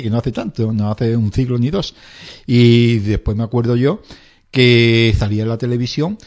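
On a radio health segment, a middle-aged man speaking as a doctor explains things plainly, using homely examples and acting out what patients say. His voice is medium in pitch with a darkish tone.

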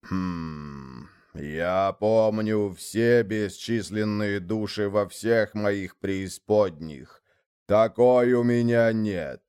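A man voicing a giant male lord of the underworld, wrathful and scornful, who growls and thunders slowly in a storybook reading. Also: fairly low pitch, a little mellow, smooth.

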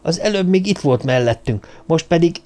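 A man's voice: fairly high pitch, lively intonation, a little mellow, voice pushed up, close to an everyday voice. A man voicing a panicked male researcher who curses and loses his composure. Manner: cursing, agitated.

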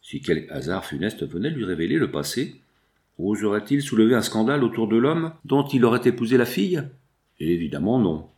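A man's voice: fairly low pitch, sing-song, a little fast, darkish tone. A man reading aloud and voicing a wealthy, guilt-ridden older father torn with anxiety. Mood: brooding. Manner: anxious, brooding.

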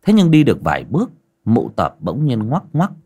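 A male storyteller with a husky voice whose pitch rises and falls dramatically. He tells the tale vividly and expressively, dipping low for the grim moments. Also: huge pitch swings, normal speed, dark tone. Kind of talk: audio folk story narration.

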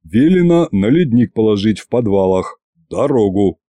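A man's voice: on the low side, lively intonation, moderate pace, dark tone, no echo, close to an everyday voice. A man voicing a cold, terse zombie knight commander in an audiobook, speaking in clipped mechanical orders.

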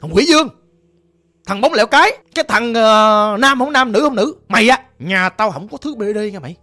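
A woman's voice: a little high, lively intonation, a little fast, fairly bright tone. A woman voicing a harsh old male sorcerer father who berates his son with insults. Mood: berating.

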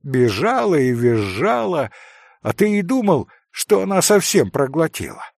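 A man reading an audiobook, putting on the voice of an excited, insistent teenage schoolboy. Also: fairly high pitch, unhurried, gravelly, dry recording, studio quality, exaggerated voice. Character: eager, bossy teenage schoolboy, talking fast.

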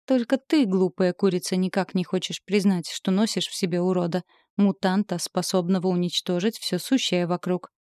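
A woman's voice: on the low side, steady tone, moderate pace, a little mellow, dry recording, studio quality, lightly acted. A woman reading the part of a scornful male demon knight in a storybook, speaking in a sneering, taunting way.

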